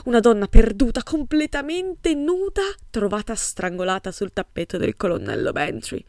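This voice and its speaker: A woman's voice: on the high side, big pitch swings, normal speed, a little mellow, dry recording, pitched above the performer's own voice. A woman voicing a bossy rich widow who talks dramatically and moralizes. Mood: dramatic. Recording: music playing behind.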